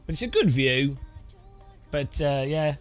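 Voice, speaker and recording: During a casual sim racing live stream, a man drives and teases viewers with rambling jokes over loud electronic music. His voice is a little high with big pitch swings, and he takes his time.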